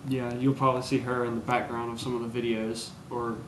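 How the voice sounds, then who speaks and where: A young man rambles through casual chat, giggly and full of ums. His pitch is middling. The sound is echoey, with clear background noise on a handheld camera. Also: monotone, brisk. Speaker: co-host.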